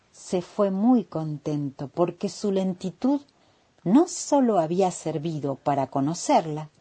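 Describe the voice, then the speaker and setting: A woman with an Argentine accent reads a children's story aloud for radio. Her voice is a little husky, with lively, rising and falling pitch, and she takes her time over every phrase. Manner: gentle, unhurried, expressive reading.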